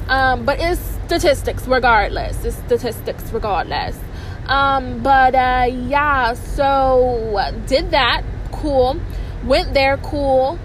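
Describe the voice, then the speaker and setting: Young female student vlogger, high voice, loose conversational delivery that circles back on phrases, noisy car recording. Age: young adult. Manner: repeats phrases for emphasis. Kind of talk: casual rambling vlog monologue.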